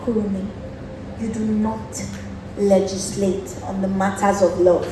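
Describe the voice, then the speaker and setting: A woman's voice: medium pitch, little pitch movement, unhurried, recorded from a distance, lightly acted. A young Nigerian woman acting a proud, defiant Cleopatra-like queen on stage with emphatic, declamatory delivery. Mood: haughty. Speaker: student stage actor. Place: large indoor theatre stage. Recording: echoey theatre stage from afar, faint noise.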